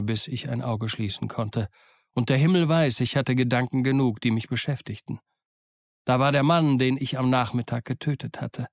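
A man reading a classic adventure novel aloud as a steady first-person narrator. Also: medium pitch, no room sound, clean studio sound. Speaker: audiobook narrator. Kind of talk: scripted narration.

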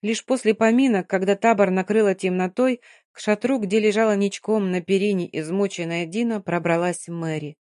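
A woman reads a novel aloud in a steady, measured storytelling voice. Her pitch is mid-range for a woman. The recording is close and dry, with no room sound. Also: no room sound. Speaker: audiobook narrator. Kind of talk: scripted narration of a novel.

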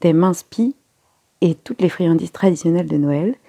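Low husky woman reading aloud. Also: moderate pace, mellow, dry recording. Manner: voices the characters' lines with raised pitch and force. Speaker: narrator. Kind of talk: audiobook reading.

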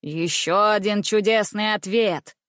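A woman's voice: medium pitch, measured pace, fairly bright tone, no echo, clean studio sound, natural voice. Woman voicing a jovial stout circus director. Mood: amused. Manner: laughing, genial, commanding.

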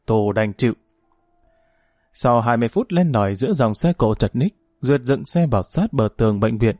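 A man narrates a story in a steady, even telling voice. His pitch sits in the middle for a man. The recording is dry and close, with faint music behind. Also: a little fast, no echo. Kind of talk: audiobook narration.

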